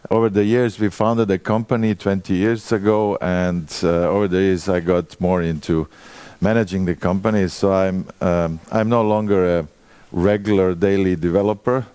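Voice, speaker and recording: A man in his forties with a Croatian accent gives a conference presentation. His voice is deep and mellow, recorded close and dry. He talks through his material and puts quick questions to the listeners. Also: fairly even intonation, clean tone, no room sound. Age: 40s. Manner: engages the audience with quick questions. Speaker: conference speaker.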